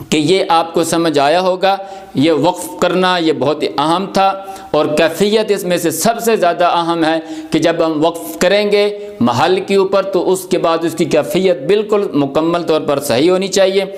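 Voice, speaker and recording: A man teaching Quran recitation rules, explaining patiently and repeating each example slowly. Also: a little high. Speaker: tajweed teacher.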